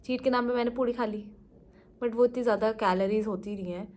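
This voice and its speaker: A woman's voice: on the high side, fairly even intonation, darkish tone. Chatty young Indian woman vlogging. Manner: chatty, quick, hurried. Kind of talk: casual vlog chat in Hindi-English mix.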